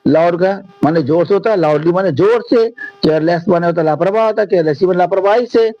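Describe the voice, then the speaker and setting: A man from India with a Hindi accent, teaching an English lesson in Hindi and reading the English lines out slowly. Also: high voice, no room sound, highs cut off. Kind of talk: classroom lesson explanation.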